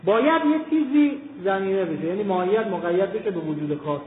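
Male lecturer, high voice, measured classroom delivery that leans on key terms; tinny, roomy recording. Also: animated, slight background noise. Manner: deliberate, slows and stresses key terms. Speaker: teacher of Islamic philosophy. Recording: tinny, echoey hall recording.

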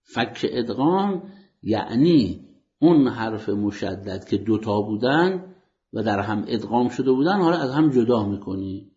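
A man's voice: fairly low pitch, expressive, dark tone, muffled recording. A man teaching Quranic grammar in a lecture, asking questions and answering them himself, with formal polite phrasing. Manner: explanatory, poses questions to listeners then answers them.

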